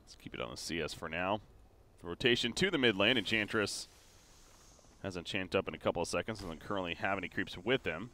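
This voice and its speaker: A man casting a live competitive video game match, calling the plays quickly and getting excited at the big moments, with frequent fillers and restarts. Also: low-pitched, a little hiss or hum. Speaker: esports caster.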